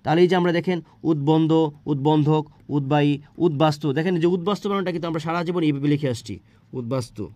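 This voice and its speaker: Fast-talking man teaching spelling. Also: a little high, darkish tone, no echo. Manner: explains patiently, asking and answering his own questions. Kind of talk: spelling lesson for exam prep.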